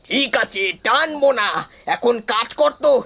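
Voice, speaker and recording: A woman voicing a scheming, bossy young village man in a cartoon, speaking in a lively way. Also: high-pitched, a little slow, gravelly, a little hiss or hum, full character voice.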